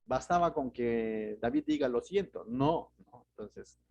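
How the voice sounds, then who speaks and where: A man's voice: mid-range voice, unhurried, vocal fry, a little mellow, no room sound, highs cut off. A man with a Peruvian Spanish accent, a pastor giving verse-by-verse Bible teaching in a conversational way, often asking rhetorical questions.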